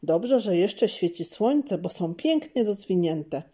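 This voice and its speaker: A woman voicing an eager, chatty little girl in a children's storybook, with a high, excited childlike voice. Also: slow, breathy edge.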